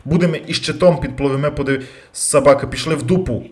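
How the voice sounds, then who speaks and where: Excitable swearing man gaming. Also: a little high. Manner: loud outbursts and heavy swearing; jumpy, rapid switches between yelling and muttering. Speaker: let's play gamer. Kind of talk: excited gameplay commentary.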